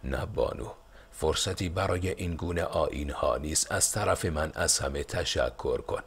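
A man's voice: a bass voice, slightly rough, heavily acted. A man playing a stern, decisive rebel leader and father in an audiobook. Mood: resolute.

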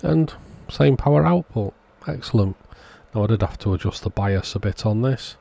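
Speaking at a normal speed with a fairly low, dark voice and some vocal fry, this man stays animated as he walks through a repair one step at a time. As host of a radio repair channel, he delivers a casual, matter-of-fact voice-over that seems scripted.

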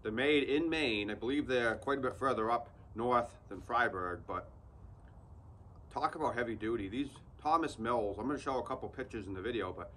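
In a casual how-to vlog, a man in his thirties who hosts the channel explains a practical build to viewers, speaking plainly from an open sawmill shed in the woods. He talks at normal speed with a medium, slightly bright voice and a little hiss or hum.

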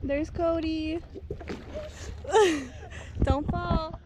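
A woman's voice: very high voice, steady tone, drawn-out words, background noise. A young woman vlogging outdoors from a kayak on a lake, chatty and joking with frequent giggles, filmed on an action camera at arm's length. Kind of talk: casual vlog chat.

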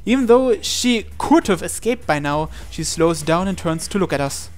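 With music playing behind him, a let's player reads a visual novel aloud, dramatically narrating the on-screen text. His voice sits high, and his intonation is lively at a moderate pace.

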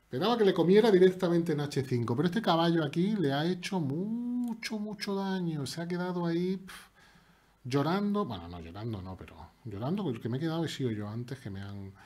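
Man, husky, lively pitch, chess stream commentary, playful teasing. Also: brisk. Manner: playful, teasing his opponent and chatting to viewers. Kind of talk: live commentary while playing online chess.

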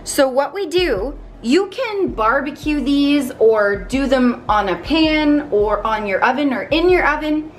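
Chatty woman explaining recipes, light music. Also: sits high. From Canada. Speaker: vlogger. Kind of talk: casual cooking vlog. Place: home kitchen, indoors.

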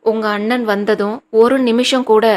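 A wounded, stern young husband, his pained and reproachful questions delivered on a level, even pitch, as a woman reads him aloud. The storybook reading stays steady and flat throughout. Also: unhurried, lightly acted.

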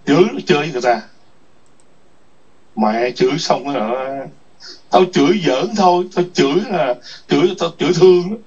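Male chat host, husky, crude scolding rant, distant lo-fi sound. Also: a little high, moderate pace, long pauses, darkish tone. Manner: foul-mouthed, scolding, repetitive taunts. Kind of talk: ranting livestream chat. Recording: distant muffled lo-fi mic.

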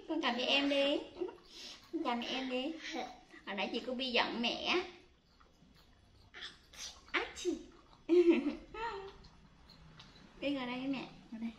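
A young woman talking to her pet monkeys as their mother, coaxing them in gentle baby talk. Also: high voice, moderate pace, pauses often, echoey room, a little hiss or hum.

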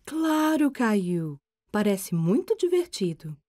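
An actress playing a gentle, agreeable mother in a children's cartoon. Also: medium pitch, big pitch swings, takes it slowly, over music. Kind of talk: cartoon dub.

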